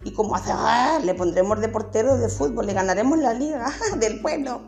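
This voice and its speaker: A woman's voice: fairly high pitch, lively intonation, moderate pace, gravelly, a little mellow, faint music behind. Woman doing a cheeky little boy. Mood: eager.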